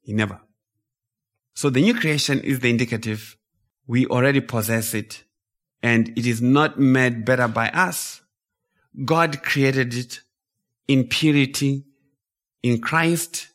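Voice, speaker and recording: A man's voice: mid-range voice, unhurried, long pauses, fairly bright tone. A man from Zimbabwe preaching a sermon, stressing and repeating key phrases.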